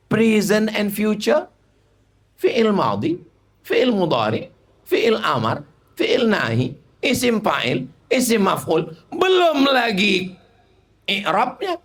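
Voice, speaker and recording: Male preacher, high and lively, fast drill-style lecturing. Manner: animated, conjugates verbs in rapid drills and mimics audience questions. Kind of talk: religious lecture.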